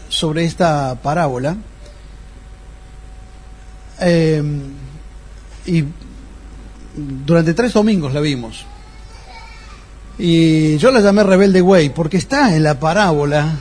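Husky, high-voiced preacher teaching a congregation. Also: male voice, animated, a little slow, long pauses, darkish tone. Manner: teaching, asks the congregation rhetorical questions. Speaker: pastor. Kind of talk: sermon.

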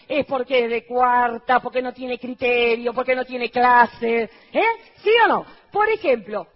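Woman pastor, Argentine accent, very high-pitched, lively sermon with mocking asides, muffled recording. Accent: Argentine Spanish. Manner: lively preaching, rhetorical questions to the crowd; mocking voices for quoted people, dropping low. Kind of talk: sermon to a congregation.

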